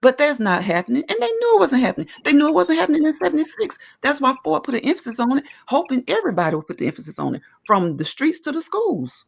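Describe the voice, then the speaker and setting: A woman's voice: sits high, very animated, fast, creaky, few pauses. A woman in her forties talking at length in a casual discussion, earnest and emphatic as she explains her views. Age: 40s.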